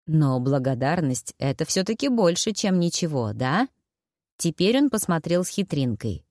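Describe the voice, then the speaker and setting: A woman reading a story aloud as an audiobook narrator, in an even storytelling manner. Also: deep voice, normal speed, no echo, studio quality. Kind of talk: scripted narration.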